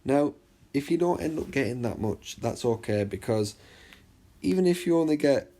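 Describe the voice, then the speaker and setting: A man teaching an exam revision lesson in a chatty way, often checking understanding and reading the extract aloud slowly. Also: mid-range voice, animated, warm tone. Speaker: English literature teacher.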